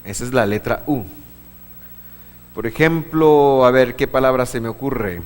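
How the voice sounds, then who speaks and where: A man teaching a church class, patient, asking the room questions, with many halting restarts. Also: mid-range voice. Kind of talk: classroom lesson on Hebrew vowels. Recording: long hall reverb.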